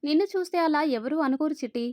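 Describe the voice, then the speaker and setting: A woman's voice: high voice, fast talker, darkish tone, no echo, clean studio sound, natural voice. Woman reading as a teasing young heir. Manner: teasing, blunt. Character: young male city heir, teasing and blunt.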